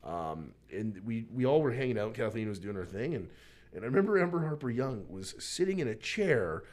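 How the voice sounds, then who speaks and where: A man's voice: medium pitch, a little fast. A man, a stand-up comedian, telling a story in casual chat, acting out the voices of the people in it. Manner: animated storyteller, acts out voices, frequent restarts.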